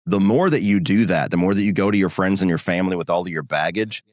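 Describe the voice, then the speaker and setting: A man with a very low, deep voice talks bluntly and casually on a podcast. He swears freely and often restarts his sentences. The sound is close and dry, with no room echo. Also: quick pace. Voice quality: blunt, profane, frequent restarts. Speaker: podcast co-host. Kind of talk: casual chat.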